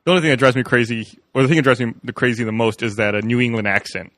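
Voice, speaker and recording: A man's voice: mid-range voice, steady tone, rapid-fire, a bit bright, no echo. A man co-hosting a podcast, making wry, questioning remarks in casual chat. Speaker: podcast co-host.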